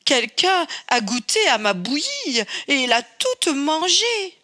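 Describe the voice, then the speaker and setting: A woman's voice: sing-song, takes it slowly, bright, forceful tone, exaggerated voice. Woman playing a weepy little bear cub. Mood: tearful. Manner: high, whiny and tearful. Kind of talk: storybook reading for children.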